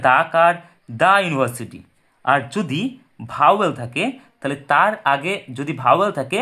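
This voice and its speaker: Male teacher, slightly raised pitch, patient, walks through examples step by step. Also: sharp tone, breathy edge. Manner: patient, repeats points and asks then answers his own questions. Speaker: English teacher. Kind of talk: explaining a lesson. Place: indoors at a desk with paper and pen.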